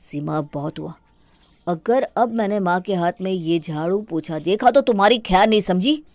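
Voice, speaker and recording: A woman voicing a young husband and son who scolds his wife and protects his mother, in an animated story. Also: lowish voice, moderate pace, no room sound. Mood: angry.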